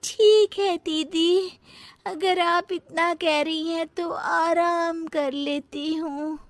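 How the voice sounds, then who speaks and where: A high, whiny young sister-in-law from a cartoon tale, played by a woman. She is lazy and scheming, with a put-upon manner and a very dry, close recording. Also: fairly even intonation, very slow, dry recording, exaggerated voice. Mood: feigned weakness.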